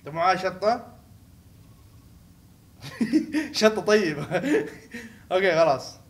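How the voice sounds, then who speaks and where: A young man hosts a gaming video, joking and teasing the game's characters. His voice sits high for a man. He slips into laughter and sudden loud bursts. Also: big pitch swings, slow. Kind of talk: joking let's-play commentary.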